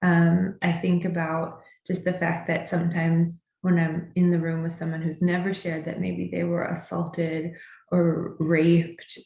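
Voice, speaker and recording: On a panel, a woman therapist speaks earnestly and reflectively; she is second-generation American and English is her first language. Her fairly low, slightly mellow voice carries vocal fry, and the sound is reverberant.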